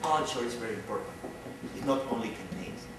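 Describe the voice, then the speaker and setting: A middle-aged Cuban man, a native Spanish speaker with a Cuban Spanish accent, gives an earnest public lecture as a visiting speaker, often repeating phrases while he searches for words. His medium-pitched voice is expressive and fast. He's recorded from far off in a large, echoey hall, with background noise.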